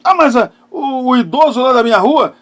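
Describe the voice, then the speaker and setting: A middle-aged pastor and therapist hosting a live talk preaches through personal testimony in a notably high-pitched voice with lively intonation. He stresses phrases emphatically, uses dramatic pauses, and shifts between loud emphasis and hushed speech.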